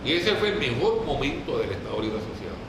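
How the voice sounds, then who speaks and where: A man's voice: medium pitch, big pitch swings, fast. Echoey, distant Puerto Rican man lecturing. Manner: didactic, colloquial, puts questions to listeners. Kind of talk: informal political history talk to a group. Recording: very echoey room, distant mic, clear noise.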